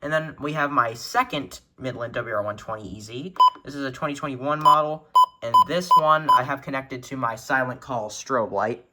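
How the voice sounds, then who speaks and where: An enthusiastic weather radio collector presents his collection in a relaxed, talkative show-and-tell, filmed on a handheld camera in a room at his home while he remains off screen. His medium-pitched voice moves at a normal speed against loud background music, along with faint noise and button clicks.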